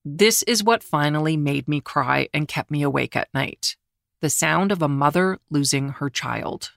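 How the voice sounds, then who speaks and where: A middle-aged journalist narrating a true-crime story in a measured, somber way, slowing down on the grave details. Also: mid-range voice, gravelly, a bit bright, no echo, clean studio sound. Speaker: journalist who covered the trial, narrating.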